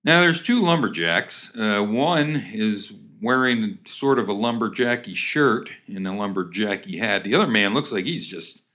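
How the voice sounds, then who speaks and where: A man with a lively, swooping voice rambles through descriptions of cartoon pictures and reads corny jokes. He fills gaps with "uh", restarts often and punches up the quoted lines. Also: lowish voice. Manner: rambling, chuckling, hammy voices for quoted characters. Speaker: comedic reader of old joke cartoons. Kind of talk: ad-libbed comic commentary and joke reading.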